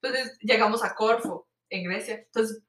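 Bright-voiced woman telling stories. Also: on the high side, normal speed, reverberant, distant mic. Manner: animated anecdotes with many fillers. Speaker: storyteller in a chat. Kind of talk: casual chat.

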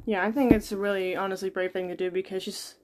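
A woman's voice: medium pitch, fairly even intonation, fast, a little mellow. Chatty young woman reading aloud. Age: 20s. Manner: chatty, giggly, self-interrupting. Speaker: podcast co-host reading aloud. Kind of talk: casual book-club chat and read-aloud.

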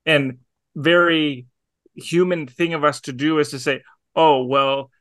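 A man co-hosting an education podcast, speaking in casual chat and pausing to rephrase his thoughts. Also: fairly high pitch, fairly even intonation, fairly bright tone, no room sound. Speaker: podcast co-host.

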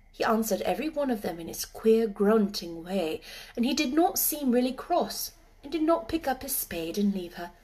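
A woman narrating a classic children's story in a gentle, measured reading voice. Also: medium pitch. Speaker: audiobook narrator.

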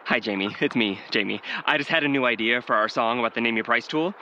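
An actor playing an eager, goofy young male office worker in a comic radio ad, talking in a rushed, excited way. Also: mid-range voice, highs cut off, a little hiss or hum. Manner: rushed and excited, sings snippets. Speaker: insurance employee leaving a voicemail.

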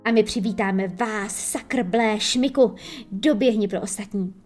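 A woman's voice: mid-range voice, darkish tone, faint music behind, lightly acted. A woman voicing a vain, menacing male pirate captain who boasts and gloats. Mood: sneering.

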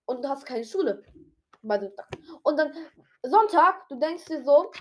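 A teenage girl with a fairly high voice trades quick this-or-that answers with a friend. She is blunt and slangy, throwing out firm opinions in casual chat. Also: animated, a little hiss or hum.

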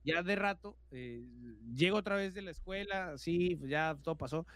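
A Mexican man with a high voice, co-hosting a podcast and spinning a scary story in relaxed everyday speech. He fills nearly every phrase with slang and mimics the sounds himself. The recording is dry and close. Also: moderate pace, clear, resonant tone, no echo. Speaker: podcast co-host. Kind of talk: casual horror storytelling.

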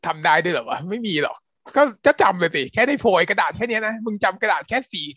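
A man's voice: high voice, animated, fast talker, sharp tone, breathy edge, dry recording, clean studio sound. A man chatting casually as co-host, dropping in joking remarks. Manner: joking interjections. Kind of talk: casual chat.

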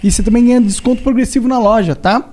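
A man's voice: extremely high pitch, fast talker, mellow. A man in his thirties with a Brazilian accent, hosting a podcast in an easygoing, slangy way. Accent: Brazilian Portuguese. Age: 30s. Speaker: podcast host. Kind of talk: casual chat.

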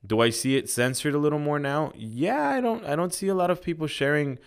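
A man's voice: on the high side, expressive, fairly quick, gravelly, smooth. A man in casual podcast chat, emphatic and full of "like", with some swearing. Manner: emphatic, frequent filler "like", occasional swearing. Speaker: podcast co-host.

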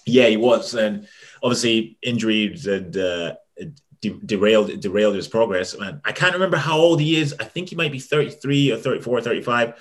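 A young man on a casual podcast, talking about fights in an excitable way and stumbling over repeated words. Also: on the low side, fairly quick. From England. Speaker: MMA journalist and podcast panelist.

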